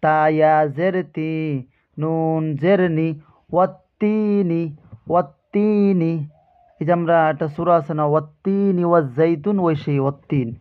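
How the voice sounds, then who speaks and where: A man teaching Quran reading, spelling out Arabic letters and syllables and repeating each word, in a drawn-out way. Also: on the high side, steady tone. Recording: tinny phone-like sound.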